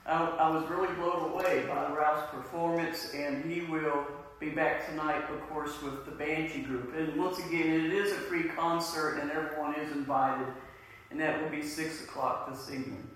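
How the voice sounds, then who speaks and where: A woman's voice: sits low, fairly even intonation, normal speed. A woman pastor with an Appalachian accent, speaking to her congregation during a church service. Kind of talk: church service talk and prayer. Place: inside a church, congregation present. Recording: roomy, distant church mic, faint noise.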